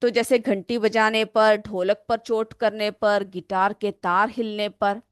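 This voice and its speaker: A woman's voice: mid-range voice, level tone, measured pace, clear, resonant tone, dry recording, studio quality. A woman teaching a school science lesson. She asks the pupils questions and then answers them herself. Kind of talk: classroom lesson, explaining a simulation.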